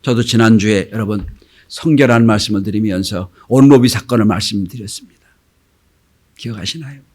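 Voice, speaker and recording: A man's voice: on the low side, a little fast. A middle-aged man preaching a sermon as pastor, telling stories and acting out the voices of the people in them, sometimes dropping to a whisper. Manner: animated storytelling, acting out quoted voices; drops to a whisper for emphasis.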